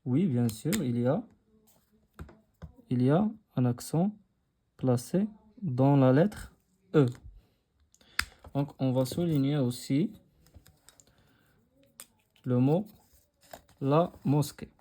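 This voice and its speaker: A man's voice: medium pitch, slow, pauses often, warm tone. A young Moroccan man teaching a lesson in a patient way, repeating his phrases and switching between French and Arabic. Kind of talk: explaining a textbook lesson.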